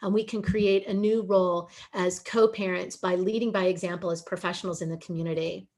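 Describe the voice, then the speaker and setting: A woman's voice: fairly low pitch, steady tone, brisk, a little mellow. A woman giving an earnest, pleading webinar presentation over a video call. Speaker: guest speaker on a webinar. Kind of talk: emotional presentation.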